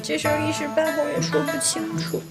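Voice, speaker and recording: A coy, clingy concubine. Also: female voice, sits high, monotone, fast. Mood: wheedling. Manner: sweet wheedling, calls herself "this concubine". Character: coy clingy teenage concubine in ancient times. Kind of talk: comedic period TV drama. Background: background music.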